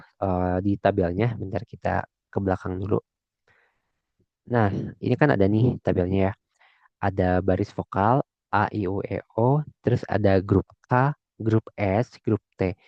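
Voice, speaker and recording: A man's voice: fairly low pitch, no echo, lo-fi sound. A young man teaching a language lesson in a chatty way, often checking that listeners follow. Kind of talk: casual explanatory lesson.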